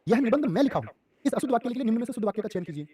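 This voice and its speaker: Male teacher, high voice, rapid-fire questioning, live online class, distant mic. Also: very animated, warm tone. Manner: rapid, repetitive questioning, calls students "dear children". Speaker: exam coaching teacher.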